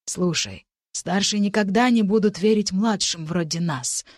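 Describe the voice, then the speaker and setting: A woman reading an audiobook, voicing a husky-voiced scarred young woman, self-assured and bitter. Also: medium pitch, a little slow, no echo, studio quality, lightly acted.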